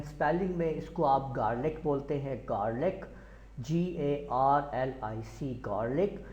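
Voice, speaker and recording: Slow-talking Pakistani man teaching pronunciation. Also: fairly high pitch, a little mellow. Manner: repeats each word several times, spells it out letter by letter. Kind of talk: slow classroom lecture. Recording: echoey room, dull lo-fi sound.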